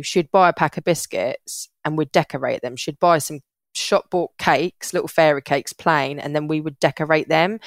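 A young woman talks as an interview guest in an earnest, chatty way, often breaking off and restarting. Her voice sits low for a woman. The sound is close and dry. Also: dry recording. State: getting emotional. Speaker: podcast guest, parenting hack creator. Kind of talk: casual interview chat.

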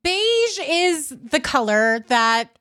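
A woman's voice: sits high, big pitch swings, slow pace, a bit bright. A woman co-hosting a podcast in casual chat, talking candidly and swearing freely. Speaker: podcast co-host.

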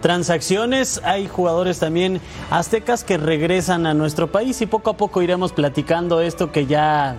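A man's voice: high-pitched, normal speed. A man co-hosting a sports show in a conversational presenting style. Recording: faint music behind.

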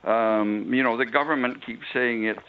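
A man speaking as a guest on a radio panel, in a deliberate way with frequent hesitations. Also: medium pitch, steady tone, clear, resonant tone. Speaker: guest commentator. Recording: tinny phone line.

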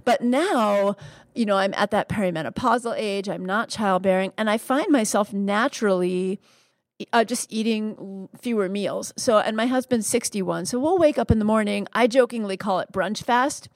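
A woman in her fifties hosts a podcast and talks through medical ideas in an articulate, brisk conversational way. Her voice is recorded close and very dry, with no room sound. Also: mid-range voice, no echo. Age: 50s. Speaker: podcast host and physician. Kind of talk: casual conversational interview.

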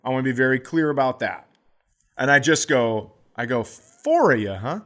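This middle-aged comedian co-hosts a podcast, telling stories in a casual, animated way. He acts out the voices of the people in them. His voice is mid-range and his pace moderate.

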